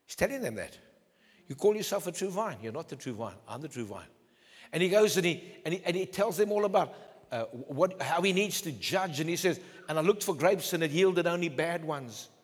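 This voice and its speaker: A male pastor preaching a sermon emphatically, swinging between loud declarations and low, intense tones. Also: lively intonation, a little fast. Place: church hall. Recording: long hall reverb.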